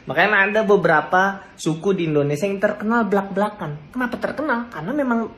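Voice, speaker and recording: A young woman giving her opinion in a casual vlog, relaxed and reflective. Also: mid-range voice, a little fast. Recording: roomy echo, faint noise.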